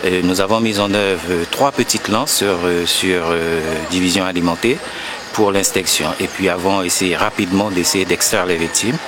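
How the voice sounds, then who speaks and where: Male emergency responder, low voice, measured formal report, clear background noise on scene. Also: steady tone. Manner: measured, procedural, hesitant. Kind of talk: formal incident report in an interview.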